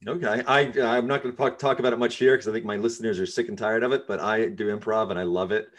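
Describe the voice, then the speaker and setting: A man hosting a podcast, interviewing his guest in a relaxed, easygoing way. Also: fairly low pitch, fast. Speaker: podcast host. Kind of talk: casual interview.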